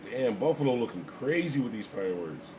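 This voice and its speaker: A man hosting a casual livestream, reacting in loose, slangy, repetitive talk. His voice sits at an ordinary middle pitch. A faint hiss of noise runs behind him. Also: sing-song, brisk. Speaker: livestream host.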